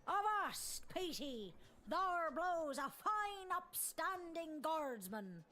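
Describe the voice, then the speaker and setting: A woman's voice: extremely high pitch, very animated, slow pace, sharp tone, full character voice. A woman playing a boisterous pirate captain with a stage pirate accent and theatrical nautical slang. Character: swaggering female pirate captain, boisterous old sea dog.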